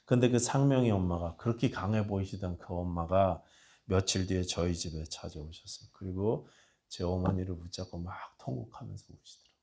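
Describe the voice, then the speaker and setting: A man's voice: deep voice, a little fast, gravelly. A man preaching a sermon as pastor, telling a personal story and pleading with his congregation. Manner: storytelling, dropping to a hushed voice for tender quotes and rising to loud appeals.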